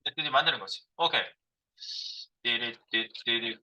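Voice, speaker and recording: A man's voice: on the high side, expressive, normal speed, bright, forceful tone, low-quality recording. A middle-aged man giving a live coding lecture as a programming instructor. He thinks aloud while he types, asking and answering his own questions.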